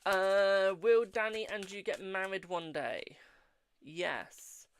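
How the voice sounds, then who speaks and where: Casual British live-stream fortune teller, creaky mid-pitched voice, some background noise and clicks. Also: slow pace. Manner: fortune teller giving readings, calling listeners "my darling".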